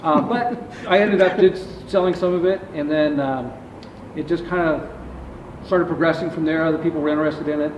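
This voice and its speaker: A middle-aged man answers interview questions about his business at length while gesturing with his hands. His voice is a little high, and it is picked up by a distant camera in a large, echoey warehouse. The audio is dull, with clear background noise. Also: normal speed. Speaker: ammunition company founder, interview guest. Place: large warehouse with shelving, indoors.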